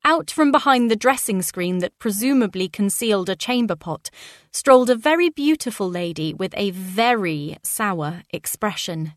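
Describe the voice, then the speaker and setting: A woman narrating a historical novel aloud in an even, measured manner. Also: mid-range voice, dry recording, clean studio sound. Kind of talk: audiobook narration.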